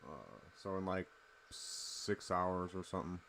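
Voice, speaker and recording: Casting: young guy with a low voice, loose and chatty, streaming late at night with a faint hiss behind. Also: unhurried, creaky. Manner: relaxed, rambling, full of fillers.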